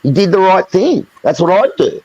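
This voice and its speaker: A man's voice: high-pitched, very animated, moderate pace, a little mellow, husky, dry recording. Aussie guy ranting and swearing, muffled dry audio. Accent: Australian. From Australia. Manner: angry, profane, ranting. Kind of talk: heated live chat.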